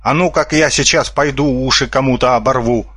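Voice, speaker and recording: A man voicing a gruff, quick-tempered male bear in an audiobook, barking angrily. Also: medium pitch, fairly even intonation, a bit bright, no echo. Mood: angry. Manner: barking, angry.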